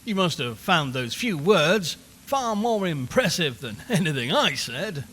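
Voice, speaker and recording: A man with a voice on the high side, big pitch swings, and a fairly bright, breathy-edged tone plays an uneasy, chatty radio reporter in a horror audio drama, heavily acted and unhurried. Broadcasting live from a haunted house, he speaks to listeners in a wry, conversational way. The recording carries long reverb along with background hiss and ambience.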